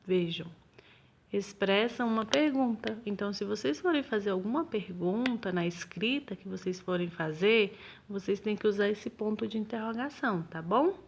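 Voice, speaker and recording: A woman, a primary school teacher, explaining a lesson to children slowly and patiently and often checking that they follow. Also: medium pitch, a little hiss or hum. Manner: slow, patient explaining with frequent "tá bom?" checks. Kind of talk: recorded remote lesson for children.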